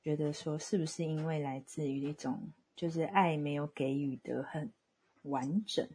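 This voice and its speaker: A casual podcast co-host heard over a telephone call. The voice is middle-pitched and on the mellow side, with a slightly husky edge. The delivery is conversational and reflective, like retelling a story to a friend. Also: steady tone, moderate pace. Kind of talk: casual conversational discussion of a comic. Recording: recorded over a phone call.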